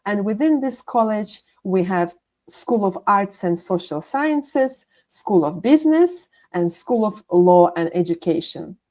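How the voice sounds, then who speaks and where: A woman's voice: medium pitch, animated, a little slow, dark tone. A woman working as a university international manager, giving a scripted presentation and methodically listing course names.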